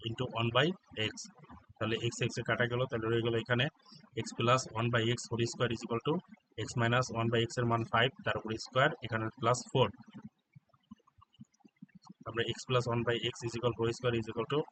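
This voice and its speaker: A man with a Bangladeshi Bengali accent, working as an exam prep tutor and reading out exam answers in a monotone, dictating spellings letter by letter. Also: medium pitch, slight background noise, low-quality recording.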